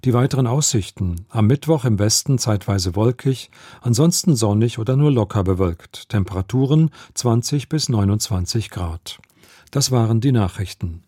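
Dark-voiced male radio newsreader. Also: on the low side, animated, husky, no echo, studio quality. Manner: measured, formal delivery. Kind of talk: scripted radio news reading. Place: radio studio.

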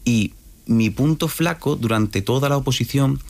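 A man's voice: mid-range voice, moderate pace, creaky. A man speaking as an interview guest, telling anecdotes in a reflective manner. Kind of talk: interview conversation.

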